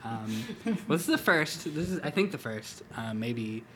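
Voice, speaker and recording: A man hosting a comedy podcast, reading a story aloud. He stops often for dry, halting asides full of fillers. His pitch is middling but moves a lot, with soft background ambience. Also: very animated, noisy background. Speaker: podcast host.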